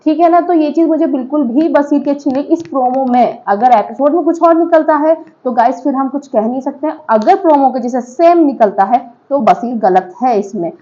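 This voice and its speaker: High-voiced opinionated woman commentator. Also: brisk, few pauses, warm tone, muffled recording. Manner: emphatic, opinionated, mixes in English words; keeps checking in with listeners. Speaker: reality show commentator. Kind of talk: casual opinion commentary to viewers.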